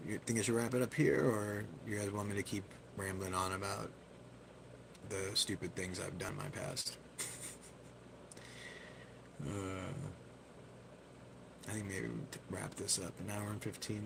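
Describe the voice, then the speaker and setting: A man's voice: lowish voice, normal speed, vocal fry, long pauses. A man hosting a casual livestream, rambling loosely and poking fun at himself. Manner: rambling, self-deprecating, loose. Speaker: livestream host. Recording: steady background hiss.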